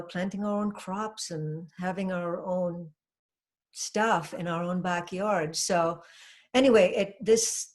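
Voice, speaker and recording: An older woman from Trinidad, appearing as a hypnotherapist guest in a casual interview, speaks in a somewhat low voice. She is earnest and reflective and uses a lot of filler words.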